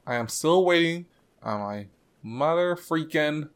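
A man's voice: fairly high pitch, expressive, measured pace, smooth. A man co-hosting a podcast in casual chat, rambling with lots of restarts and filler. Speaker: podcast co-host.

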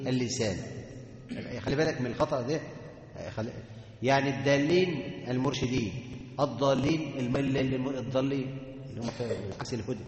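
A man with an Egyptian Arabic accent teaching Quran recitation, chanting sounds slowly and then explaining them quickly. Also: mid-range voice. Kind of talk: tajweed lesson to students. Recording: echoey hall reverb.

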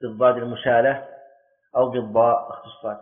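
A man leads a classroom lesson, his voice sitting in an ordinary middle pitch. He explains patiently, tosses questions to his students and echoes key terms twice. The recording sounds narrow and tinny, like a phone line. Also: level tone, fast talker. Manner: explains step by step and quizzes students; repeats key words for emphasis. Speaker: teacher of Islamic jurisprudence.

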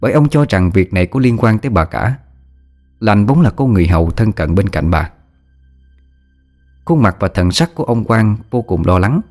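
Low-voiced male ghost-story narrator. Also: moderate pace, pauses often. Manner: steady, even storytelling. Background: faint background music.

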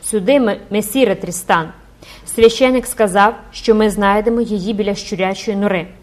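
Woman doing a shouting soldier. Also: mid-range voice, normal speed, close to an everyday voice. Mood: calling out. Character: male soldier calling from afar.

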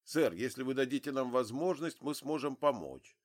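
A man voicing a calm official who talks down an armed father, in an audiobook. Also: medium pitch, moderate pace, natural voice. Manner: calm, firm. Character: calm male official, steady negotiator.

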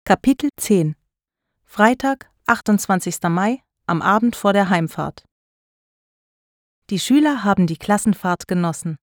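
A woman reading a graded storybook aloud in a clear, measured narration. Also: mid-range voice, lively intonation, no echo, clean studio sound. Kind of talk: scripted narration of a graded reader.

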